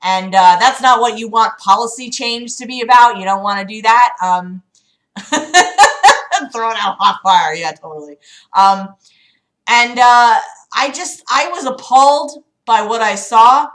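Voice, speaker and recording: A woman with a slightly high, fairly bright voice talks a little slowly but in an animated way. She's a livestream host chatting casually with her audience, rambling hesitantly and poking fun at herself.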